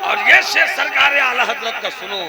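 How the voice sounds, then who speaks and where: A male preacher telling a story in a sermon, building up to long, drawn-out shouts and chanted verse at a public gathering. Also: very high-pitched, animated, creaky, a crowd in the background. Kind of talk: Urdu-Hindi religious sermon with chanted verse.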